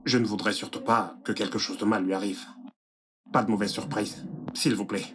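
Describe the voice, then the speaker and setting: A man dubbing a deep-voiced courteous father. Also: normal speed, lightly acted. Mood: calm. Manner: calm and courteous, firm when setting rules. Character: composed wealthy father interviewing a nanny. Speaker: father hiring a nanny. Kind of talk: French film dub.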